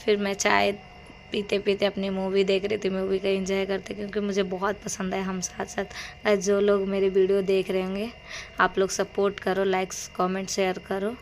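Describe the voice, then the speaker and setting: Young woman home vlogger, roughened voice, rambling chatty delivery, fairly level pitch, faint background hiss. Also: completely flat delivery, moderate pace. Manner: rambling, chatty storytelling of chores. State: voice worn rough. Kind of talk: casual daily-life vlog narration.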